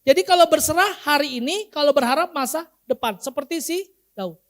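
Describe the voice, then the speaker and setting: A man's voice: very high-pitched, brisk, a bit bright. A male pastor giving a sermon in a casual, humorous way, often quizzing the congregation. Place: church.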